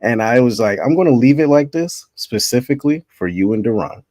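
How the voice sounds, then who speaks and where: A man's voice: medium pitch, lively intonation, brisk, darkish tone, dry recording. A man hosting a casual wrestling chat with friends, laid-back and rambling, laughing easily. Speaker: host running a wrestling bracket show.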